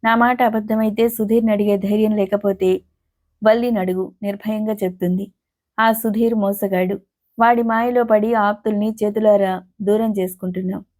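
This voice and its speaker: A man's voice: high voice, level tone, moderate pace, darkish tone, natural voice. A woman voicing a jealous, angry young man who scolds and sneers, in a storybook reading. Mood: bitter. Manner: bitter, accusing, sneering.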